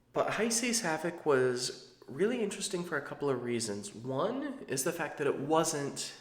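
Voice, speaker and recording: Male vlogger, thirties, rambling conversational commentary, noticeably echoey recording. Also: medium pitch. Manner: digressive, conversational. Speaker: video channel host. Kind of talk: casual, rambling retro game commentary. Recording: roomy, echoing sound.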